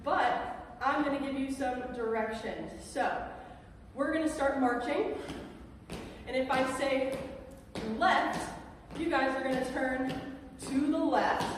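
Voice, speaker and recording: A woman instructing an exercise class, calling out counts and directions in an encouraging way. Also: high-pitched. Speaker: exercise instructor leading gait training. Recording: echoey reverberant room, distant mic, faint noise.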